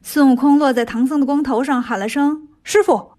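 High-voiced woman telling a children's story. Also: steady tone, brisk, mellow.

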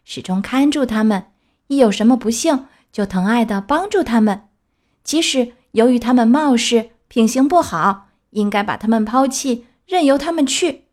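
Cheeky little wooden puppet boy, chatty and high, storybook voice, woman putting it on. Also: animated, moderate pace, a little mellow.

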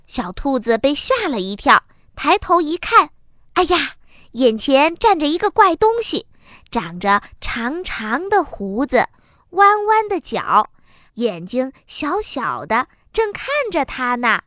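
A woman narrating a children's story in a slow, expressive, singsong way. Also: high-pitched, no room sound, clean studio sound.

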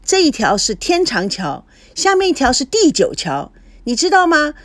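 A woman reading the part of a spoiled, jealous teenage girl who taunts and shouts. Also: high-pitched, huge pitch swings, normal speed, no echo, voice pushed up. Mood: coaxing. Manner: taunting, sharp-tongued.

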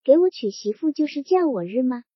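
A woman's voice: high-pitched, sing-song, a little fast, husky, no echo, heavily acted. A woman voicing a hot-tempered young husband who talks in an angry, petulant way. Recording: dull lo-fi recording.

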